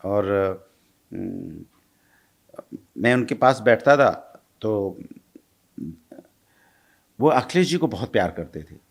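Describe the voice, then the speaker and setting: A middle-aged man tells stories as an interview guest, in a voice of middling pitch. He talks casually, laughs along the way and acts out the lines of the people in his stories. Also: vocal fry. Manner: animated, laughs while recounting, acts out quoted lines. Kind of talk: casual storytelling.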